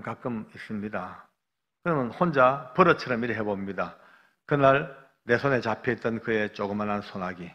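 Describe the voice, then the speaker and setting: Emotional pastor preaching. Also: male voice, mid-range voice. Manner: emotional storytelling, swinging between hushed and loud. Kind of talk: sermon. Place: church sanctuary. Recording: echoey church hall.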